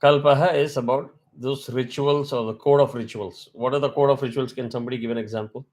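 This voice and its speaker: A man's voice: mid-range voice, steady tone, brisk, a little mellow. A man teaching a weekly Vedic class over a video call. He explains step by step and asks his students questions.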